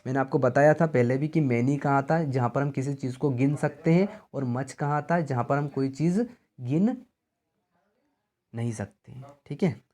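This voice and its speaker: A man's voice: medium pitch, normal speed, warm tone. A young man teaches an exam-prep grammar lesson in an ordinary mid-range voice. He repeats each question back to his students and answers it himself.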